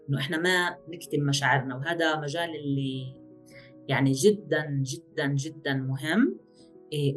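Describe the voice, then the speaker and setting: A woman psychologist with a Levantine Arabic accent, explaining her points in a radio interview and giving practical examples. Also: on the low side. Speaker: psychologist guest.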